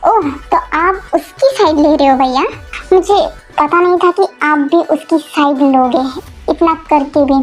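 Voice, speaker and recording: A jealous, short-tempered young man scolds and sulks, as a woman acts him out. His voice sits high. He is a figure in a voiced fan-fiction audio story. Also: unhurried, faint music behind. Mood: sulky. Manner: sulky, scolding.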